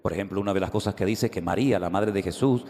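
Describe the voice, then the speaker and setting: Male preacher, lowish voice, storytelling sermon, long hall echo. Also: very fast. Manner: storytelling, acts out dialogue with shifts in pitch and loudness. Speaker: pastor.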